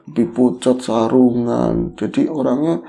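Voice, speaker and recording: A man, co-hosting a podcast and telling a ghost story in a casual, animated way, acting out the voices he quotes. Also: mid-range voice, unhurried, gravelly. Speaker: horror podcast co-host.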